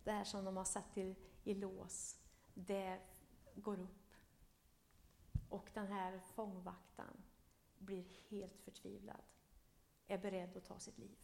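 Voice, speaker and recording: A woman preaching a sermon, retelling a Bible story, swinging between loud emphasis and hushed whispers. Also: mid-range voice, completely flat delivery, gravelly, pauses often, a little hiss or hum. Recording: echoey room.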